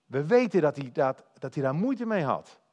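A man preaching a sermon, telling the story in a lively way and speaking directly to his listeners. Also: a little high, moderate pace.

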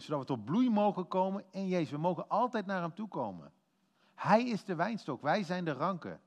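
A man giving a lively, informal sermon, telling a story with acted-out quotes and quick self-corrections. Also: a little high. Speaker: preacher.

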